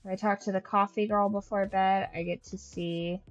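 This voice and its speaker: A woman's voice: medium pitch, little pitch movement, normal speed, muffled recording. A woman giving casual gameplay commentary as a streamer. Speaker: game streamer. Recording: faint background game music.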